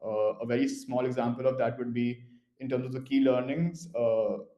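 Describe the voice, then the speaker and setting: A young man from India, a current master's student speaking in an online info session, measured and dotted with "uh" fillers. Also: mid-range voice, steady tone, mellow, echoey room, highs cut off.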